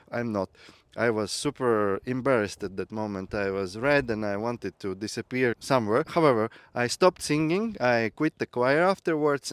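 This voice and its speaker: A Latvian man in his 30s, working as a growth mentor, tells a personal story in a medium-pitched voice with no room sound. He comes across as reflective and earnest, with light laughs.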